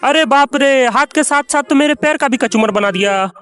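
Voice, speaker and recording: Very high-voiced man doing comic banter. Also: normal speed, slight background noise. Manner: loud, exclaiming, scolding banter. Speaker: voice actor for a comedy sketch. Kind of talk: comic sketch dubbing, all characters.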